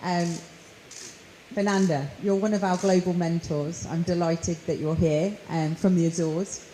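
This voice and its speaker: A woman moderating a panel, her voice mellow and even-pitched. Her questions come across as encouraging. She is heard in an echoey room with faint ambience behind. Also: a little slow, a little hiss or hum. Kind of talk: panel discussion.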